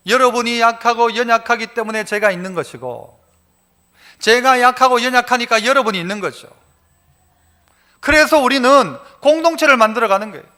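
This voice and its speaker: Bright-voiced Gyeongsang-accented pastor preaching. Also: male voice, very high voice. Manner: preaching with dialect asides and acted quotes, varying loudness. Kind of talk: sermon.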